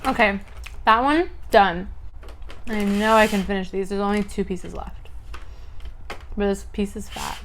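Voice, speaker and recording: A woman's voice: medium pitch, fairly even intonation, unhurried, pauses often, a little hiss or hum. Chatty young woman eating on camera. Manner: chatty, lots of "like", chewing sounds between lines. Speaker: mukbang vlogger. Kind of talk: casual chat while eating.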